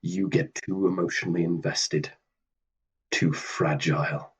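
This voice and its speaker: A man acting in a radio play as Death, a stern, weary immortal who speaks formally and coldly with a husky voice. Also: deep voice, steady tone, lo-fi sound. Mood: detached, grave. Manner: deliberate, formal, cold, dismissive.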